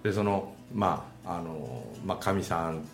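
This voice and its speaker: A man's voice: deep voice, a little slow, echoey room, a loud crowd. A man with a Kansai accent, talking casually about how he would tell a story, with many fillers. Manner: animated, lots of fillers and acted-out quotes. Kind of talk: casual chat.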